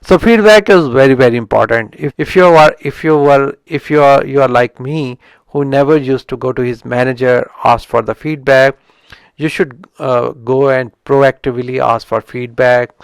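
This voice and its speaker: The recording is rough but echo-free as a middle-aged Indian channel host reviews a book off the cuff in accented, second-language English. He has a clean, medium-pitched voice with vocal fry, and he keeps stopping to restart or fix his sentences.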